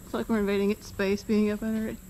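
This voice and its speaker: Hey, chatty lady walking a woods trail, mellow voice, camera mic outside, little bit of noise. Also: medium pitch, little pitch movement, quick pace, low-quality recording. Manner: chatty, pointing out sights. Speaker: vlogger. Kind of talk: casual walking commentary. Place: outdoor wooded trail.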